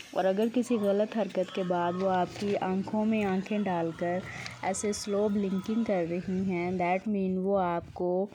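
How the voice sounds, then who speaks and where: A woman narrates a pet video in a mellow, soft-toned voice and explains things steadily. She drops English words into her sentences. A faint hiss of noise sits under the recording. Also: mid-range voice. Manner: calm explaining, mixes English words into Urdu. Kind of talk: explanatory voice-over.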